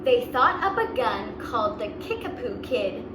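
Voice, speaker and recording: Hosting a children's read-aloud, a woman tells the story of a picture book in a fairly high voice, pausing for asides. Her reading is very slow and expressive, with explanations kept simple. The recording is roomy with a distant microphone, and there's noticeable background noise.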